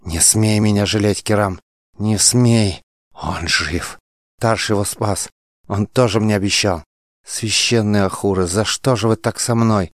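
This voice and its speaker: A proud, grieving princess from an audiobook tale, voiced by a man in a low, deep register. She rules and accuses with a commanding edge. The voice sounds dry and close. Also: steady tone, a little slow, dry recording. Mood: frantic. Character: grieving, frantic royal princess, imperious.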